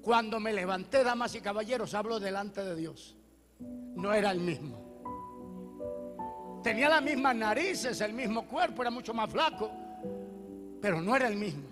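A male preacher delivers his testimony in a strikingly high voice. He tells the story with animation, swinging from loud declarations down to hushed, prayerful lines. Faint music plays behind him. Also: lively intonation, moderate pace, long pauses, long reverb tail. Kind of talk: testimony sermon.

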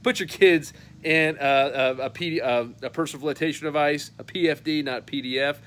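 A fishing newsletter roundup is hosted by a thirties-aged man chatting upbeat to his phone camera out on a patio. His high-ish, fairly bright voice moves a little fast, and he fills gaps with plenty of "uh"s.

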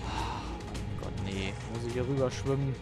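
In an unhurried, medium-pitched voice, a man does let's play commentary, irritated enough to curse at the game while calling to the creatures on screen. Game music plays loudly in the background.

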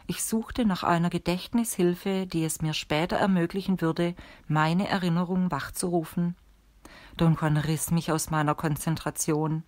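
A woman narrating an audiobook in a steady, measured reading. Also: fairly low pitch, dry recording.

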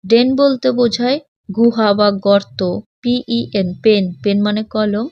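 A woman teacher speaks slowly and patiently in a fairly high voice, spelling words out letter by letter before explaining each one for children. The recording is dry and close, with a muffled, lo-fi sound. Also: steady tone, no echo. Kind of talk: children's textbook lesson. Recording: dull lo-fi, dry.

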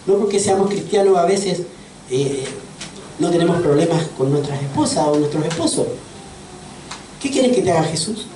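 A man preaches to his congregation, earnest and full of questions. His voice is mellow and dark, picked up from a distance in a reverberant church with a faint hiss beneath it. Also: on the high side, lively intonation, normal speed, long pauses. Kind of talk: sermon. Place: church sanctuary. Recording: echoey church audio from far off, faint noise.

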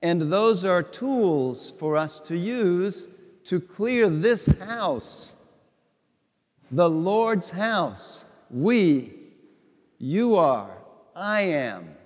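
A middle-aged man, a bishop, giving a homily at Mass in a slow, deliberate, conversational way with repeated phrases. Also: high-pitched. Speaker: bishop preaching. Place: large church sanctuary before the altar. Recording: long church reverb.

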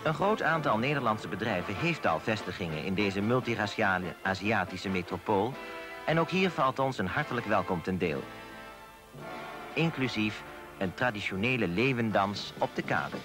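A man giving formal, measured scripted voice-over narration for a documentary. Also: on the low side, expressive. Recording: voice-over with loud music behind.

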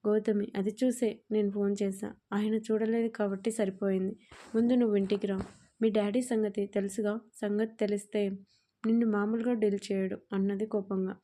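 A woman's voice: mid-range voice, little pitch movement, moderate pace, warm tone, close to an everyday voice. Woman reading a stern scolding mother. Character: strict scolding middle-aged mother.

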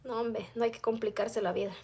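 Woman, middle-aged, high voice, chatty, reads comments aloud, home kitchen, phone mic up close. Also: fairly even intonation, a little fast, vocal fry, dark tone, a little hiss or hum. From El Salvador. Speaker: vlogger. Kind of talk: casual live-stream chat while cooking. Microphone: phone camera close-up.

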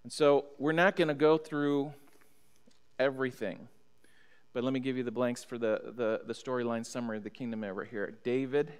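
A man's voice: mid-range voice, fairly even intonation, moderate pace, clear, resonant tone. A middle-aged American man, a pastor, teaching a Bible study lesson from the pulpit and checking in with his listeners. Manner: teacherly, checks in with listeners, reads scripture aloud. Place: church sanctuary at a pulpit. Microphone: stand mic on pulpit, far camera. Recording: long church hall reverb.

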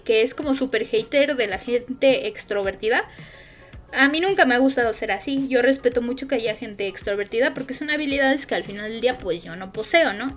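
A woman's voice: sits high, a bit bright. A young woman, a streamer chatting casually with her viewers and answering chat, with lots of fillers. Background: faint music.

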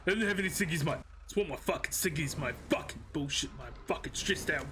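A man's voice: a little high, fast talker, bright, forceful tone, faint music behind. A man with a New Zealand accent playing a crude, grumpy older bloke who is hard of hearing, drawling and swearing, calling everyone mate. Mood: grumbling. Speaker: streamer in roleplay. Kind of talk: improvised roleplay in voice chat.

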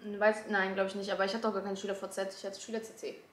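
A woman's voice: medium pitch, little pitch movement, fast talker. A woman, chatting casually and explaining things in a loose, slangy, searching way. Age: 20s. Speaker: YouTuber guest. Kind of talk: casual chat. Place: small room at a dining table. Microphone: camera a few feet away. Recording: echoey room, camera at a distance.

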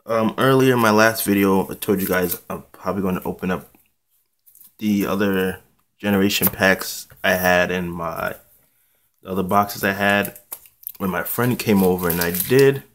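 A young man talking casually and haltingly, in a laid-back way, as the host of an unboxing vlog. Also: low-pitched, fairly bright tone, a little hiss or hum. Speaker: trading card channel host.

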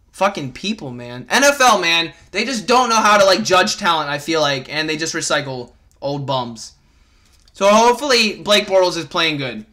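A man's voice: on the high side, very animated, moderate pace, sharp tone. A young man hosting a casual sports podcast, ranting in a fired-up, rambling way with plenty of swearing. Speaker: podcast host.

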